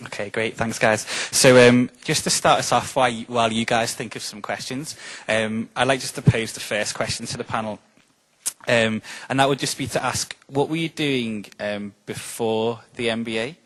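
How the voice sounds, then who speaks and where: A man's voice: mid-range voice, steady tone, moderate pace, fairly bright tone, poor audio. A man moderating an alumni panel, hesitant, with many fillers and restarts. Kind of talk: hosting a panel. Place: event hall.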